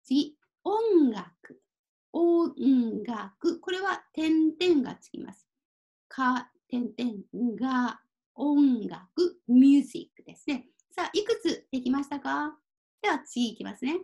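High-voiced woman teaching kanji slowly. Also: animated, dark tone. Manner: slow, careful, mixes English explanations; apologizes and laughs at her own typo. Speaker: Japanese teacher. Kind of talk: kanji reading lesson.

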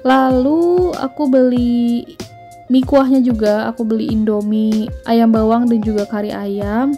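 A woman's voice: on the high side, fairly even intonation, unhurried, mellow, soft background music. A woman, chatting through a grocery haul voice-over and listing prices. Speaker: vlogger.

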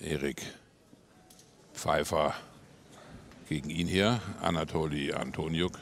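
A man giving live boxing commentary for television in measured short phrases with pauses between them. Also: a bass voice, fairly even intonation, gravelly. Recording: loud arena crowd and noise. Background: crowd and arena noise.

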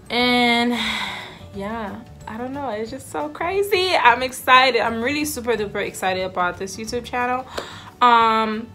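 A woman's voice: a little high, pushed and bright. Chatty young woman vlogging to camera. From Haiti. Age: 20s. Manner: chatty, giggly, with many fillers. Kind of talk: casual introduction to camera. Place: indoors, small room with backdrop. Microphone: camera in front, head and shoulders.

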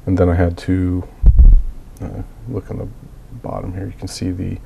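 Over a noisy background, a man speaks in a low voice with vocal fry and a completely flat delivery at normal speed. He's a miniature hobbyist recovering from a cold who coughs at times, methodically and plainly guiding listeners through a hobby build in a casual tutorial full of fillers.

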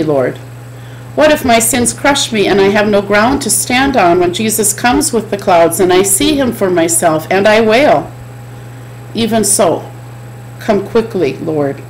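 A middle-aged woman preaches earnestly in a steady, repetitive cadence, her pitch sitting in a middle range. She speaks from a home office into a desk webcam. A faint hum runs underneath her voice. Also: poor audio. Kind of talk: chapel sermon. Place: home office with bookshelves, indoors.

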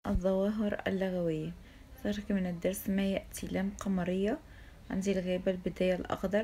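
A woman's voice: lowish voice, darkish tone, slight background noise. A woman with an Egyptian accent teaching an Arabic lesson to young pupils, asking questions and leaving sentences open for them to finish. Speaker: primary school Arabic teacher. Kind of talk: recorded classroom lesson.

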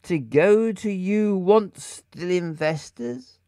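A man on a game stream reading aloud a woman's lines, which come out in backwards word order, slowly and haltingly. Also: sits high, dark tone, no room sound, studio quality. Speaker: streamer voicing game characters.

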